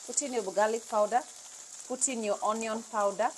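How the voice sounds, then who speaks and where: A woman's voice: on the high side, steady tone, normal speed, a little hiss or hum. A woman in her thirties with a Kenyan accent, hosting a casual cooking demonstration in her home kitchen and chatting freely with viewers. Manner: chatty, mixing English with Swahili phrases. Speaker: cooking show host. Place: bright home kitchen, indoors.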